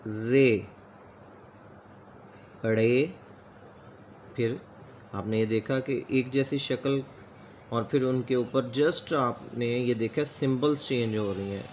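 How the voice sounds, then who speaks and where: Slow, patient man teaching letters. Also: medium pitch, slight background noise. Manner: patient, repeats each letter aloud for the learner; says "ji janab" often, polite. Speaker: Urdu script teacher. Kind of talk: slow alphabet lesson.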